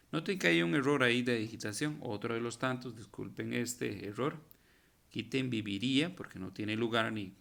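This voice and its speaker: Going verb form by verb form, a male teacher leads a recorded grammar lesson with patience, stopping now and then to correct typos and his own mistakes. His voice is mid-range and gravelly with a fairly bright tone.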